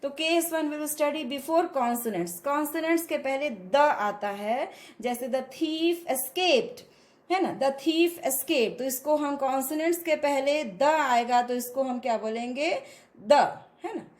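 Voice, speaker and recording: A woman teaching English pronunciation in a classroom lesson, explaining patiently in Hindi mixed with Indian-accented English and checking in with listeners. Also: high-pitched. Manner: explains slowly, mixing Hindi with English phrases, frequent "है ना" checks.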